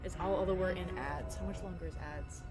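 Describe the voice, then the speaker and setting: A woman's voice: lowish voice, fairly quick. A young adult woman streaming a game, chatting playfully with her viewers and often giggling. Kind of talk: live game stream commentary. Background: game music.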